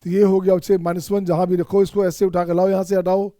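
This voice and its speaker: A man's voice: high voice, level tone, fast talker, warm tone, dry recording, clean studio sound. A man from India teaching math in an online exam-prep lecture, mixing Hindi and Indian-accented English and coaxing his students, whom he calls children, to solve each step themselves.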